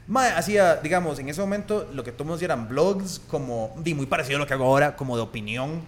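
A Costa Rican man in his twenties hosting a podcast, chatting in a relaxed way and laughing easily. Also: fairly high pitch, quick pace, slight background noise. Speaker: podcast host. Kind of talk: casual podcast chat.

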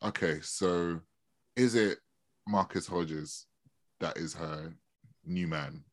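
A man's voice: low voice, slow pace. A man chatting casually as a podcast host, slangy and repeating himself for emphasis. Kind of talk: casual chat.

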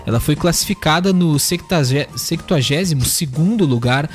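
Male radio host, steady reader, fillers, slightly high voice, music bed faint. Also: normal speed. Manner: steady, fills with "né" and "aí". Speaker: radio show host reading history notes. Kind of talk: casual radio chat with read-out facts. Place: radio newsroom studio.

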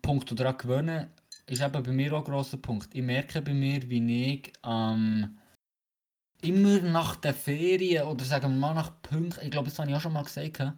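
A man's voice: medium pitch, moderate pace, darkish tone. A teenage male podcast host with a Swiss German accent chats casually. He talks with braces, so his articulation is a little hindered, and he rambles along with plenty of hesitations. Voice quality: talking with new braces, slightly hampered articulation.

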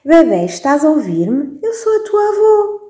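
A woman voicing a sweet grandmother in a soft, coaxing voice. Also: sits high, big pitch swings, unhurried, voice pushed up. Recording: roomy echo.

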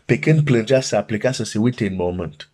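A man from Romania preaching a sermon, reading Bible verses aloud and then commenting on them with animated emphasis. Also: mid-range voice.

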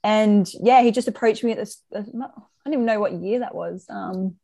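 A woman's voice: medium pitch, brisk, vocal fry, dark tone. A woman in her twenties with a Queensland Australian accent, chatting informally as a soccer player being interviewed. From Brisbane, Australia. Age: 20s. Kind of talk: casual chat.

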